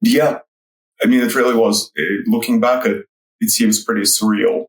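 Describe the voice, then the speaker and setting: A man from Russia, a guest in an interview, talking slowly and hesitantly with many fillers and a dry wit. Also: fairly low pitch, fairly even intonation, reverberant, rough recording. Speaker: guest, writer. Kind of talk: casual interview talk. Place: Toronto.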